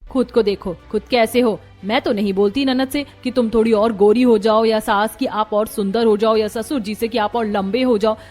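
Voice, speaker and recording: A woman's voice: a little high, fairly even intonation, normal speed, soft background music, close to an everyday voice. A woman voicing an outspoken young bride. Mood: indignant. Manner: forceful, indignant.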